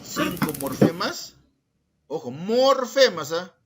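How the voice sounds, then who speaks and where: Background noise accompanies a male secondary school language teacher whose high voice is sing-song and slow. He addresses students by name, restates their answers, and asks rhetorical questions from the students' point of view.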